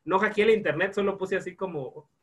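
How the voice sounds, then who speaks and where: A man chats loosely on a podcast, wandering through his points and cursing as he goes. His voice sits notably high for a man. He keeps it relaxed and unhurried, never polished. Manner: rambling, laid-back, swears freely. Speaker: podcast co-host. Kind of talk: casual chat.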